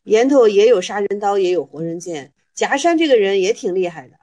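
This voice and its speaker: A woman's voice: medium pitch, lively intonation, a little fast, warm tone. A woman teacher explaining Zen koans to her students in a storytelling way, teasing them with rhetorical questions.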